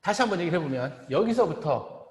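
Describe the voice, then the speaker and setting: A middle-aged male professor lecturing at a board. He pauses often, repeats phrases and keeps checking that the class is following. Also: on the high side, animated. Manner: halting, repeats phrases, asks "그죠?" for agreement. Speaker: optometry professor. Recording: echoey classroom with long reverb.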